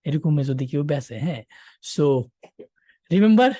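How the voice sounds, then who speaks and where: A male teacher gives an online exam-prep lesson, joking and animated and often checking in with his listeners. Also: on the high side, takes it slowly, dry recording.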